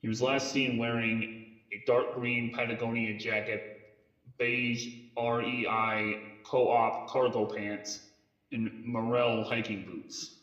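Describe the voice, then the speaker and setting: This scripted narration comes from a man presenting a police case file, part of a mock briefing tape in an analog horror tale. His voice is mid-range and fairly bright, with little pitch movement, and his halting reading sometimes trips over words. Muffled lo-fi tape sound and roomy echo color the recording.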